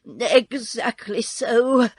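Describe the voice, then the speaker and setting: A woman's voice: medium pitch, animated, slow pace, fairly bright tone, no echo. A woman voicing a meek, pleading little old man with a trembling voice, a humbug wizard in a storybook. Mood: meek, confessing. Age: older.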